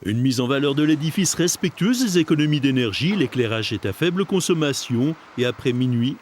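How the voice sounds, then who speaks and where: A man's voice: fairly high pitch, a little mellow, slight background noise. A man presenting a regional television news report in scripted narration.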